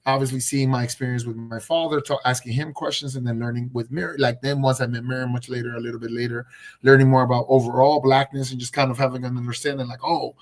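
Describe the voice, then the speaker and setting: Guy from colombia on a video call, thinking out loud about his past, lots of ums and restarts. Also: mid-range voice, level tone, fast. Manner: reflective, storytelling, many fillers and restarts. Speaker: guest. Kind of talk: casual conversation on a video call.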